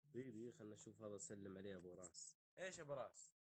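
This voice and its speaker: A man's voice: on the low side, animated, very fast, a little mellow, husky. A man with a Levantine Arabic accent bantering casually on a live stream in an exasperated, scolding, joking way.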